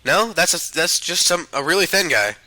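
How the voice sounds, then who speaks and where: Bright, dry-voiced man commenting on a game. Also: on the high side, very animated, moderate pace, no room sound, low-quality recording. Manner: casual, swears freely. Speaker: let's play host. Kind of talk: casual gaming commentary.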